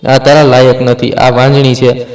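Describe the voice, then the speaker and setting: A man's voice: mid-range voice, flat delivery, moderate pace, a little mellow, recorded from a distance, soft background music, natural voice. A cold, contemptuous mother-in-law from a family storybook, read by a man. Her lines are spoken in a plain narrator's voice. The recording has a roomy echo and sits some way from the mic. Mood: scornful. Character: harsh scornful middle-aged mother-in-law.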